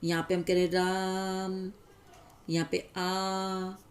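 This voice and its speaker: A woman teacher giving a grammar lesson, explaining step by step and pausing on each example. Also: lowish voice, level tone, a little mellow.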